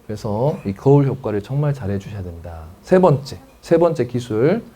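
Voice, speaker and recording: A man's voice: mid-range voice, animated, normal speed, mellow, husky. A man giving a lecture to parents as a counselor, acting out family dialogues and often checking that the audience follows.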